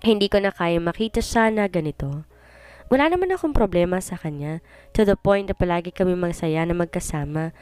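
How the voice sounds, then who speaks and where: Smooth-voiced woman narrating a story. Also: on the low side, a little mellow, no room sound. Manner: emotional, earnest retelling. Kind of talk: first-person story narration.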